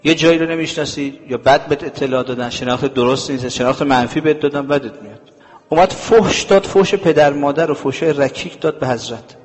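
A man's voice: medium pitch, big-room sound. A man preaching a sermon to a live audience. He speaks emphatically and keeps asking questions that he then answers himself. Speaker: religious preacher.

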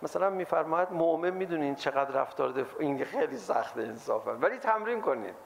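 A man giving a lively sermon to an audience, acting out the voices of people he quotes. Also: fairly high pitch, gravelly, a little hiss or hum. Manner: animated, acts out quoted voices. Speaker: religious lecturer.

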